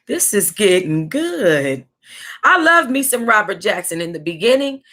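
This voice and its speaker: With an unhurried pace and medium pitch, an American woman reads a tell-all aloud for her book club. She keeps it sassy and casual, laughing, reacting with animation, and tossing in asides.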